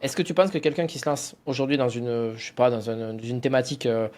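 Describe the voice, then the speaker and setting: Male interviewer, mid pitch, rapid casual delivery, halting, restarts a lot. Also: steady tone, darkish tone. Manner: halting, stumbles and restarts questions. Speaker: interview host.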